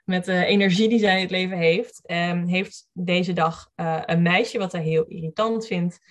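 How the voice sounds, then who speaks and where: A woman's voice: lowish voice, steady tone, normal speed. A woman hosting a book discussion, thoughtful and searching for words, who also reads excerpts aloud. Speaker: podcast host discussing a book.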